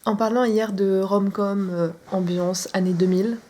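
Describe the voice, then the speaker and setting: Soft, warm-voiced young woman vlogging. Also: medium pitch, steady tone, normal speed, a little hiss or hum. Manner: chatty and confiding, with frequent hesitations. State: suffering from allergies. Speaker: vlogger and aspiring comic artist. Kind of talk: casual vlog voice-over.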